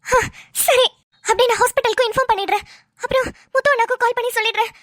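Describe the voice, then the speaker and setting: A woman's voice: extremely high pitch, fairly even intonation, fast, fairly bright tone, dry recording, studio quality. A woman voicing a young woman in a cartoon who takes charge in an emergency, urgent and commanding. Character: alarmed young woman, bossy in a crisis. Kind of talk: cartoon voice acting.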